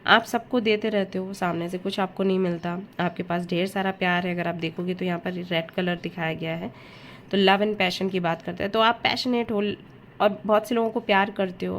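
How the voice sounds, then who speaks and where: A woman's voice: medium pitch, slight background noise. Chatty woman giving a tarot reading. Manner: chatty, addresses viewer directly, mixes English words into Hindi. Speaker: tarot reader. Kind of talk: casual tarot reading to camera.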